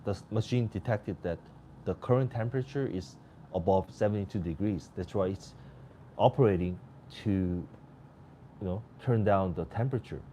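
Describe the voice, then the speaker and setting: A man gives casual live commentary on a soccer match from a room at home. His voice is mellow and a little worn, and he yawns through long rambling asides. A quiet air-conditioner hum runs under everything he says. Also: fairly low pitch, moderate pace. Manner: chatty, rambling, bursts of excitement at chances. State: tired, yawning. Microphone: home mic without noise canceling.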